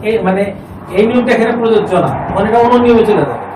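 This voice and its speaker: A man with a fairly high voice leads a classroom Quran reading lesson. He asks questions, repeats the students' answers and draws syllables out in a chant. He is picked up from a distance in an echoey room with a faint hiss behind. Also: expressive, racing. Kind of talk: classroom lesson with call and response.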